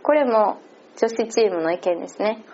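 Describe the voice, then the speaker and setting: A woman's voice: mid-range voice, animated, normal speed, darkish tone, a little hiss or hum. A woman with a Kansai accent chatting casually and laughing often as she recaps an event. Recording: slightly muffled lo-fi audio.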